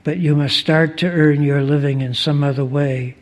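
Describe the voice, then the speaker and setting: A man reading as a gentle, firm spiritual master. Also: fairly high pitch, steady tone, normal speed, close to an everyday voice. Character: kindly revered old male spiritual master.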